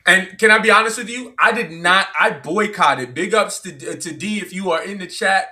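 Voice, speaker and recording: Bright, animated man from New York. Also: sits high, moderate pace. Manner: animated, emphatic storyteller. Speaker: host. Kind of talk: casual chat.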